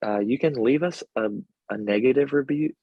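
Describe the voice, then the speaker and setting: A man co-hosting a podcast in casual chat, easygoing and quick to laugh, talking over a remote call. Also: medium pitch, lo-fi sound. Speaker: podcast co-host. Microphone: remote call mic.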